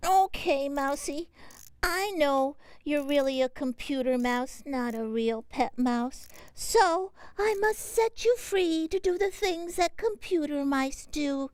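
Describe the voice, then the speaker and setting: A woman doing a high little girl lion cub. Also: a bit bright, no room sound, heavily acted. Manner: theatrical, doting. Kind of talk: puppet TV show dialogue.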